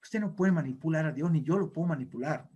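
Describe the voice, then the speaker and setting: A man's voice: on the high side, fast, a little mellow, husky. Emphatic male pastor preaching. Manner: emphatic, exhorting. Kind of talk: sermon.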